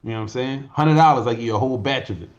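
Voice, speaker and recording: A man co-hosting a casual podcast, joking and teasing in lively banter. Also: mid-range voice, rapid-fire, highs cut off. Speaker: podcast co-host.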